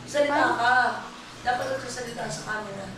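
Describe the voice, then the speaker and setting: A woman's voice: a little high, brisk, roomy sound, noisy background. A woman in casual conversation with her family. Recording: loud chatter, busy home video.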